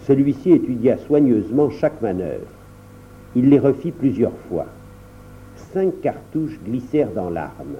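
Expressive male audiobook narrator. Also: mid-range voice, unhurried, a little hiss or hum. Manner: expressive storytelling. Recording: dull lo-fi recording.

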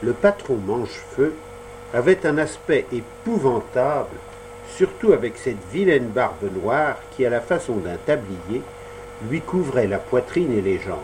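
Slow, expressive male audiobook narrator. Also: mid-range voice, slight background noise, rough recording. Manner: measured, expressive storytelling. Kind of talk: scripted narration.

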